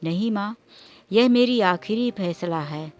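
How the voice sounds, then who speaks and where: A woman's voice: mid-range voice, slow, close to an everyday voice. A woman voicing a stubborn, angry young married woman who speaks indignantly. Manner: indignant, sharp.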